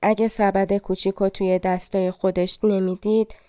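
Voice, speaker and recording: Warm woman reading a fairy tale. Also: medium pitch, dry recording, clean studio sound. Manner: calm, measured storytelling. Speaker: audiobook narrator. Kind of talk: scripted fairy tale narration.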